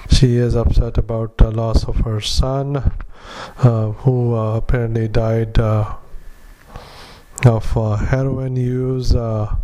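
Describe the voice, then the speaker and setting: A man who is a doctor, dictating clinical notes into a dictaphone, halting often with drawn-out "uh"s. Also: mid-range voice, little pitch movement, warm tone. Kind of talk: medical dictation.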